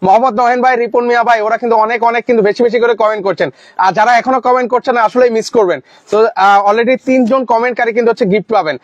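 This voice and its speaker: A man's voice: very high voice, very fast, no room sound, muffled recording. A man hosting a live sales stream, repeatedly urging viewers to comment, with lots of fillers.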